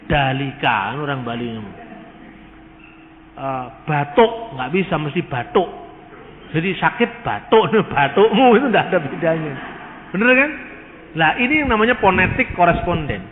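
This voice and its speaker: A man's voice: a little high, sing-song, normal speed, long pauses, a little hiss or hum. A man giving a lecture, explaining words and asking rhetorical questions as he teaches. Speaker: lecturer on religious texts. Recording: tinny phone-like sound with long hall reverb.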